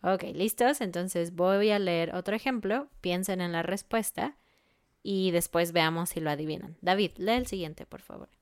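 A woman with a Mexican accent teaching Spanish through riddles, reading them slowly and with emphasis. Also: on the low side, smooth, no room sound, clean studio sound. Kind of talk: podcast lesson with riddles.

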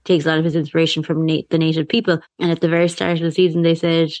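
An Irish woman co-hosts a podcast in casual conversation. Her voice sits a little low, with a lisp from her braces. The sound is dry and free of room. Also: flat delivery, rapid-fire, a little mellow, no echo. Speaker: podcast co-host. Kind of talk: casual chat.

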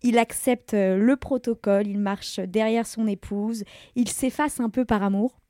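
Woman, columnist, lively laughing storyteller, fairly high voice, dry studio sound. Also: measured pace, no room sound. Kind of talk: casual podcast chat.

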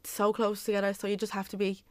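Young woman, even and level delivery, dry close sound, casual and full of "like". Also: mid-range voice, fast, no room sound. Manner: filler-heavy, says "like" constantly. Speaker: cheerleader and youth coach. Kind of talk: casual interview answers.

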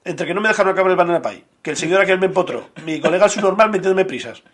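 A man tells a rowdy story on a casual podcast. His voice sits a little high and he talks very fast. He swears freely and acts out the other people in the story. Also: a little hiss or hum. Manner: crude, animated anecdote-telling with acted quotes. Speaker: podcast co-host.

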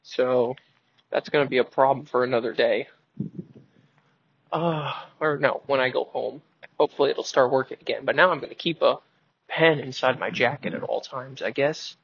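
A man's voice: medium pitch, steady tone, normal speed, fairly bright tone, husky. A man in his early twenties, host of his own show, rambling and thinking aloud in a casual, wry, self-mocking way while driving. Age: 20s. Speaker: podcast host. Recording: dull lo-fi sound.

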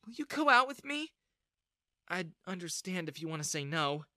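A man voicing a spirited young woman, indignant and high-voiced. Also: sing-song, normal speed, pushed and bright, no echo, clean studio sound, full character voice. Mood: shy.

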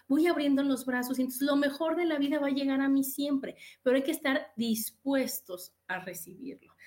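A woman's voice: fairly high pitch, darkish tone. A middle-aged woman with a Mexican accent hosting a motivational podcast, talking expressively and acting out little quoted exclamations. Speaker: podcast host.

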